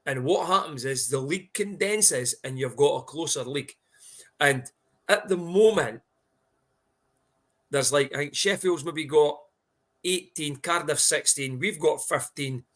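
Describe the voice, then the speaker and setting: A man's voice: a little high, measured pace, a bit bright. A middle-aged man with a broad Scottish accent, chatting casually about sport as a podcast co-host in a blunt, sweary, colloquial way.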